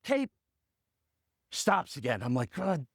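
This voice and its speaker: A man in his fifties, a coach and radio host, telling a motivational story in an animated way with punchy repetition. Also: sits high, normal speed, dry recording, clean studio sound.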